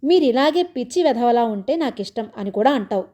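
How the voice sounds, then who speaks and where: Sulky suspicious young husband in a storybook, sarcastic grumbling; a woman reads the part, mellow voice. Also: a little high, animated, a little fast. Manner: complaining, sarcastic.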